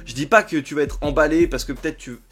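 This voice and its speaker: A man's voice: on the high side, fast, a bit bright, soft background music. A young man hosting a casual talk, reading out viewer comments and rambling with many fillers and restarts. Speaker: manga video host.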